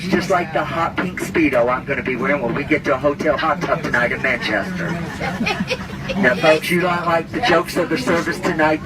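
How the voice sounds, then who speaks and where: A man working as a flight attendant, giving a comedic, campy safety announcement with theatrical patter over an airplane cabin PA. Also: on the high side. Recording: noisy aircraft cabin PA, distant from mic. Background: aircraft cabin noise.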